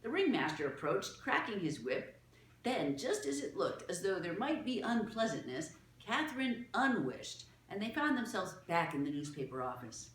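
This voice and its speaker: A woman reading a children's novel aloud with expressive storytelling. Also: medium pitch, moderate pace, slight background noise. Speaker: reader. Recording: echoey room.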